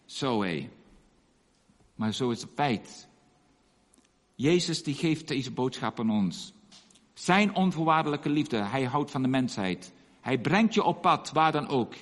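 An older man preaching a sermon, telling stories in a lively, folksy way and acting out the people he quotes. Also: mid-range voice. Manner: animated, folksy storyteller who acts out quotes. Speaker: preacher and missionary. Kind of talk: storytelling sermon. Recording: hall reverb.

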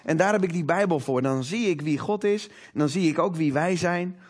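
A man with a notably high voice preaching a sermon to a congregation. He talks emphatically, lingers on the words he wants to stress, and keeps drawing the room in with questions. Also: normal speed, a little mellow. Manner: engaging, asks the audience rhetorical questions.

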